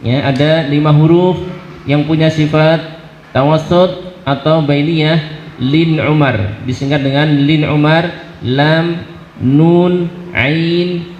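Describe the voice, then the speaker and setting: A man teaching Quran recitation, explaining pronunciation and chanting each syllable slowly for a group to repeat. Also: on the high side, a little mellow. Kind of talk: tajweed lesson with call-and-response drills. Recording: echoey hall, dull lo-fi sound, faint hiss.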